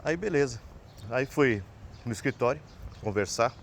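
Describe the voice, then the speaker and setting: A man's voice: mid-range voice, lively intonation, normal speed, gravelly, a little hiss or hum. A man from Brazil with a Brazilian Portuguese accent, telling a personal story in a casual, rambling way and ending sentences with "né?". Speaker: vlogger.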